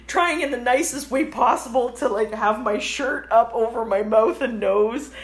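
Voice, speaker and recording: A woman with a Canadian accent, a podcast co-host telling stories in casual chat, often laughing and animated. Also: on the high side, moderate pace. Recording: echoey room with faint noise.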